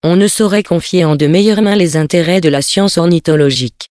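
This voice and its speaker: A reader narrating a classic tale in a measured, steady way. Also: mid-range voice, dry recording, clean studio sound. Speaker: audiobook reader.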